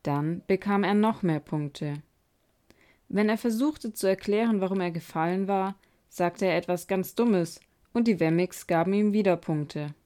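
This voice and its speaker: A woman podcast host reading a children's story aloud in a calm, measured way. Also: medium pitch.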